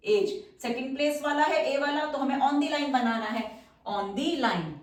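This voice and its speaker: A woman's voice: sits high, normal speed. A woman teaching shorthand at a whiteboard, patiently walking through each example and answering her own questions. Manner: patient, repeats key terms, asks and answers own questions. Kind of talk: whiteboard lesson explaining step by step. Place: room with a whiteboard. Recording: echoey room, far from the mic.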